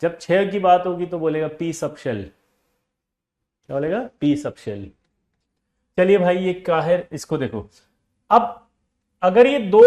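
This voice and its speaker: A man's voice: a little high, mellow. A male chemistry coaching teacher, lecturing, teasing and scolding students while explaining with examples. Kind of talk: classroom lecture.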